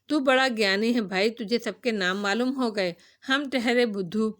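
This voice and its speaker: A woman's voice: a little high, fairly bright tone, close to an everyday voice. Woman doing a simple kindly old village man. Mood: folksy. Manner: rustic, folksy, homely speech. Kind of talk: novel reading.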